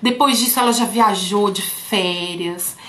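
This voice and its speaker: A woman's voice: mid-range voice, a little slow, a bit bright. A woman therapist teaching fellow therapists through a patient story, talking straight to her viewers in a casual way. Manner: talks straight to viewers, often saying "folks". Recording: roomy echo.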